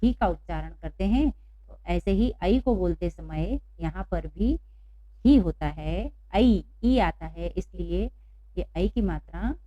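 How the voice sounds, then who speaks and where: A woman's voice: fairly low pitch, lively intonation, slow pace, warm tone, no room sound. A woman teaching a lesson to children, patiently asking questions and repeating the answers. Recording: dull, dry lo-fi recording.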